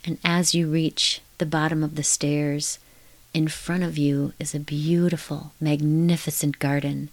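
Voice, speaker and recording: A woman guides deep relaxation in a low, even voice. Her delivery is slow and soothing, like a hypnotic countdown, with hushed, repetitive phrases. The sound is close and dry, free of room echo.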